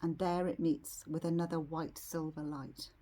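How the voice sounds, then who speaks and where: Serene lady doing a guided meditation, soft kinda breathy low voice, soothing and unhurried. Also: level tone.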